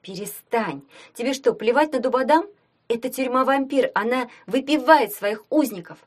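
A woman's voice: on the high side, animated, slow pace, voice pushed up. A woman voicing a fiery, stubborn young sorceress who speaks in a raised, pressing way. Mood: heated.

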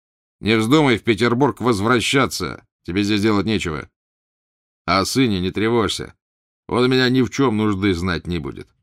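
A man voicing a bored, imperious prince who gives loud, brusque commands. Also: lowish voice, expressive, normal speed, no room sound, studio quality. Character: bored, imperious male prince, a capricious grandee.

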